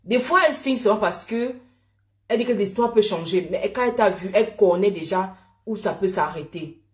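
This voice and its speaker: A woman from Cameroon tells a personal story in a lively, chatty way, often laughing and calling her listeners "mon frère". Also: mid-range voice, fairly quick, roomy sound.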